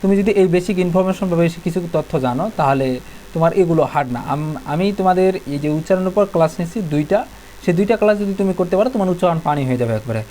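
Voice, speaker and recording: A man's voice: a little high, very fast, dark tone, slight background noise. A young man teaching an exam-prep video lesson, explaining step by step, repeating himself and talking to students informally. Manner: addresses students informally, colloquial.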